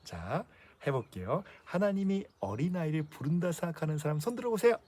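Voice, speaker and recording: A man's voice: a little high, very animated, fairly quick, a little mellow. A man preaching a children's sermon, asking the kids questions and having them repeat words.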